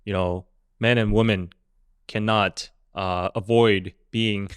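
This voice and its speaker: A man in his thirties hosting a casual podcast chat, laid-back and quick to laugh, reading out survey figures. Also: fairly low pitch, fairly even intonation, smooth, dry recording, clean studio sound. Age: 30s. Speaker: podcast host.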